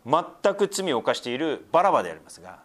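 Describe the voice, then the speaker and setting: A man's voice: on the high side, big pitch swings, fast talker. A middle-aged male pastor giving a sermon, explaining scripture with frequent asides and a conversational, teaching tone.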